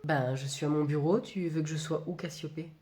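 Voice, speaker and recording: A woman's voice: sits low, fairly even intonation, fairly quick, warm tone, reverberant, pitched below the performer's own voice, lightly acted. A woman voicing a sarcastic male office worker in a comedy sketch, muttering under his breath. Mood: sullen.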